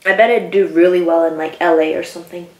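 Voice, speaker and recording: A young woman chatting casually as she eats on her video, pausing, her mouth burning from spicy food. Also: lowish voice, steady tone, a little mellow. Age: young adult. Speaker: mukbang video host. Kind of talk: casual chat while eating. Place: small room indoors. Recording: echoey room, distant camera mic.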